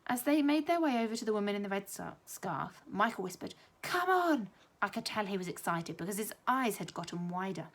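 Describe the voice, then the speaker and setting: A young primary school teacher reads a children's novel aloud in a lively, expressive storytelling voice, raising it higher and brighter whenever the young characters speak. She talks fast, with hardly any pauses.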